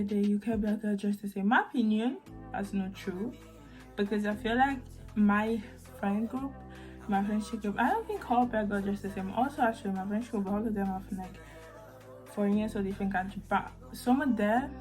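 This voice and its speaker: A young Italian woman rambles chattily in a casual opinion vlog, restarting her sentences often. Her medium-pitched voice comes through a phone mic in a low-quality recording.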